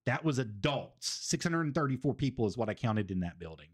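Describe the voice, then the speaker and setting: A man's voice: mid-range voice, big pitch swings, brisk, slightly rough. A man, hosting a casual wrestling review stream and rambling, repeating phrases for emphasis. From Tennessee, US. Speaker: stream host.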